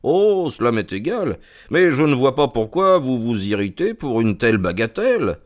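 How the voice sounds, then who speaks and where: A man reading an audiobook, voicing a cunning middle-aged detective who talks calmly and stubbornly in a teasing way. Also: medium pitch, moderate pace, pitched above the performer's own voice, natural voice. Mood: cool.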